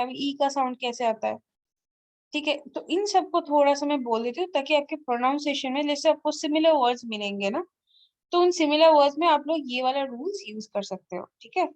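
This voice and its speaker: A woman with an Indian accent teaching an online lesson, explaining patiently and spelling words out letter by letter. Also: high voice. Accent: Indian English. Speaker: English teacher. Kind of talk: online lesson mixing Hindi and English.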